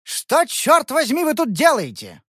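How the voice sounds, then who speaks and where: A woman voicing a gruff, angry old man of grandfather's age who growls and scolds in an audiobook. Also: medium pitch, very animated, a little slow, no echo, studio quality. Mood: angry scolding. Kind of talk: audiobook character voice.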